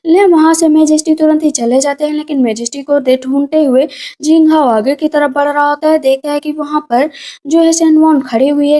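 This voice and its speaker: Woman, high voice, mellow tone, chatty plot recap, repeats for emphasis. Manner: conversational retelling, repeats for emphasis. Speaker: drama recap narrator.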